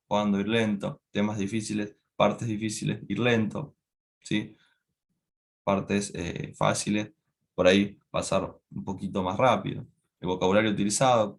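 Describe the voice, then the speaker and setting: A young man with an Argentine Spanish accent giving a classroom lecture, explaining step by step and checking in with frequent tag questions. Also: lowish voice. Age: young adult. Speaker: student presenting a lecture on a teaching text.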